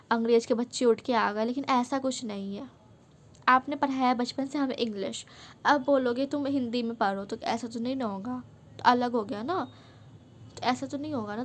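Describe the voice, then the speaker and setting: A young woman vlogger from Bihar, India, telling a casual storytime monologue in a frank, emphatic way, with English words mixed in. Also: high voice. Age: young adult.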